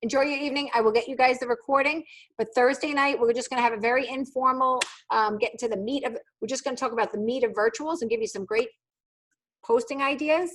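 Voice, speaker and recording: A middle-aged woman leads a casual training call with a blunt, teasing manner. Her voice sits a little high for a woman, and she slips into mock voices to make her points. She sounds like she is speaking over a video call. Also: fast talker, fairly bright tone, slight background noise. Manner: blunt, teasing and jokey, mimics voices in quotes. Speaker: sales trainer leading a new consultant call.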